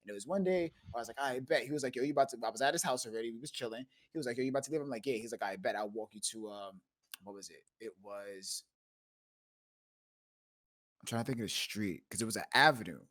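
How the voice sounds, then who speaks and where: A man's voice: mid-range voice, fast. A man from the Bronx telling stories in a casual live-stream group chat, acting out the quotes and laughing often over a voice call. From the Bronx, New York. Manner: animated storyteller who laughs often and acts out quotes. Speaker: streamer and discussion host.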